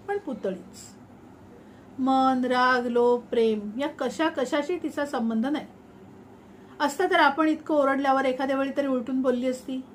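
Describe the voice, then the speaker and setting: A woman reading a science fiction short story aloud in a measured, reflective, expressive way. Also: high voice, a little hiss or hum. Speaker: story reader.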